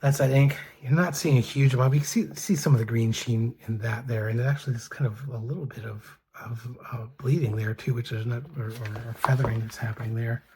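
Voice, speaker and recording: A middle-aged man casually reviewing fountain pens and inks, talking in a soft, hesitant way with many fillers and restarts. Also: medium pitch, steady tone, brisk, few pauses, a little hiss or hum. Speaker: pen and ink reviewer. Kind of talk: casual show-and-tell review.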